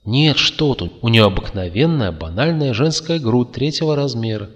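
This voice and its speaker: A man's voice: mid-range voice, lively intonation, moderate pace, lo-fi sound, pitched above the performer's own voice, close to an everyday voice. A man voicing a pushy, boastful, whimsical young woman, speaking in a raised, insistent tone. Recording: long reverb.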